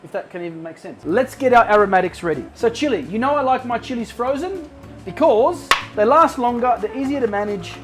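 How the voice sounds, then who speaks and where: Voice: medium pitch, lively intonation, a little fast, over music. An enthusiastic cooking show host giving a casual demonstration to viewers, often repeating words for emphasis, over a sizzling pan.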